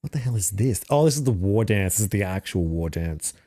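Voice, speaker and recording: Excitable swearing male game streamer. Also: lowish voice, fairly quick, dry recording, studio quality. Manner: excitable, swears a lot, thinks aloud. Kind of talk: casual live-stream commentary. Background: faint game music.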